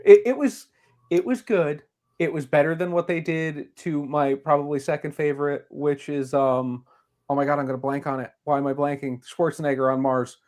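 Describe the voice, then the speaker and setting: A man in his thirties with a New England accent, a guest co-host joking in an animated way in casual podcast chat. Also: on the high side. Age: 30s. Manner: animated, jokey, quick laughs.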